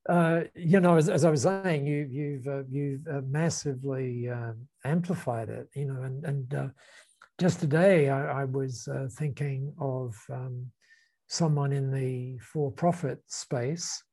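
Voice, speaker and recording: Mellow man explaining ideas deliberately. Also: medium pitch. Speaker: speaker presenting ideas to a group. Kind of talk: conversational explanatory talk.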